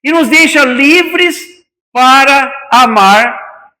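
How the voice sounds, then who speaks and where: A man's voice: very high-pitched, very slow, pushed and bright. A man with a Brazilian Portuguese accent giving a spiritist talk to an audience, calling them brothers and asking many rhetorical questions, in a meeting hall. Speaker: spiritist lecturer. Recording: long hall reverb.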